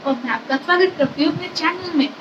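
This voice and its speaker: A woman's voice: very high voice, muffled recording, noisy background. A woman teaching a language lesson, explaining step by step and mixing English phrases into her Hindi. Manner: slow and deliberate when reading English lines.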